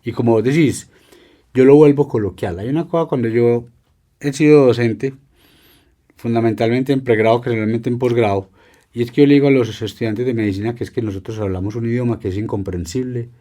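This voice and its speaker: A middle-aged man, a palliative care doctor talking reflectively as a podcast guest, with deliberate, slow, emphatic phrasing. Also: mid-range voice, warm tone. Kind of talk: reflective conversation and storytelling.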